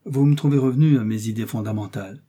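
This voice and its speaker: A man's voice: medium pitch, fast talker, dark tone, lightly acted. A man voicing a vain, devout young musketeer who speaks politely and modestly. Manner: polite, smooth and modest-sounding.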